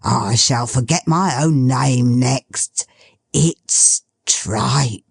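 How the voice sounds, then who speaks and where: A woman's voice: rumbling low, creaky, slightly rough, no echo, clean studio sound, pitched below the performer's own voice, exaggerated voice. A woman voicing a good-natured old working-class father who muses aloud in homely dialect. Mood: musing. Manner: slow, musing, homely dialect.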